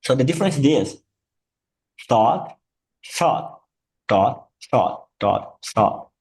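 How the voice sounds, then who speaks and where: During an online English lesson, a male teacher whose first language is Portuguese speaks slowly and drawn-out, patiently repeating words again and again to model how they sound. His middle-pitched voice is a little mellow and slightly rough, with lively intonation, on a rough recording.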